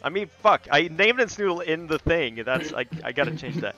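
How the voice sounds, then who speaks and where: A man's voice: on the high side, lively intonation, brisk, pushed and bright, lo-fi sound, soft background music. A young man running a tabletop game as game master over a voice call, talking with many fillers and restarts.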